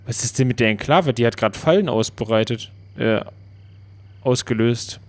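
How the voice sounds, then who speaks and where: A man casually commenting on his own gameplay, playful and excitable, talking back to the game. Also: mid-range voice, moderate pace. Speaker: Let's Play commentator.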